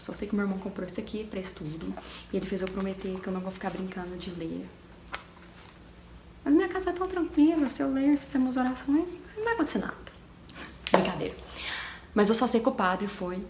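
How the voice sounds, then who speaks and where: Woman storyteller, chatty and hushed by turns, roomy echo, noisy background, casual ghost-story telling. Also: medium pitch. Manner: chatty, addresses viewers directly, drops to a hushed tone for eerie parts. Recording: echoey room with background noise.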